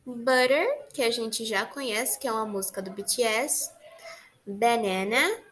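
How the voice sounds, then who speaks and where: A woman's voice: a little high, a little fast, a bit bright. A woman with a Brazilian Portuguese accent teaching a beginner English class online, patiently repeating words and explaining how to pronounce them. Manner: patient, repeats and spells out pronunciation.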